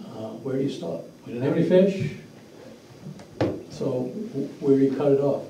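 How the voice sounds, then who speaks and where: At a town meeting, a man organizing a fundraiser speaks bluntly and matter-of-factly at a normal speed, his voice medium in pitch. A distant room mic catches him in an echoey, mid-sized indoor meeting room, and there is background noise.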